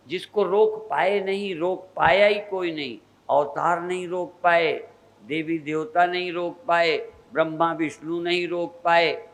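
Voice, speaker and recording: High-voiced older man giving a slow sermon. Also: a bit bright, low-quality recording. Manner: measured, repetitive preaching cadence. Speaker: spiritual teacher.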